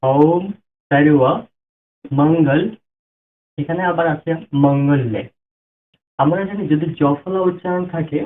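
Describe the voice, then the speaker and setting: Man, religious lesson, careful syllable-by-syllable teaching, chanted examples, thin phone-quality sound. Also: a little high. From Bangladesh. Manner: slow, careful syllable-by-syllable explanation. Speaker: mantra pronunciation teacher. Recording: tinny phone-like audio.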